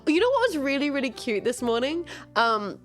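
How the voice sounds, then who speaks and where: A woman's voice: high voice, very animated, moderate pace, faint music behind. A young woman streamer chatting casually, giggling often, swearing freely and rambling with fillers. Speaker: VTuber streamer. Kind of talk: casual livestream chat.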